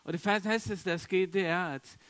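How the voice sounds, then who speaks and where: A middle-aged man gives a sermon testimony in a fairly high voice. He tells his story loosely, with plenty of fillers and restarts. The recording is dry and close, with no room sound. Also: steady tone, fairly bright tone, clear, resonant tone, no room sound. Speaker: preacher.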